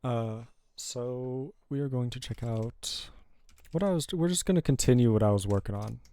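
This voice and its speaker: A man with a medium-pitched voice speaks at a normal speed, with no echo in the recording. He's hosting a live programming stream, relaxed and rambling, correcting himself as he chats casually through his code.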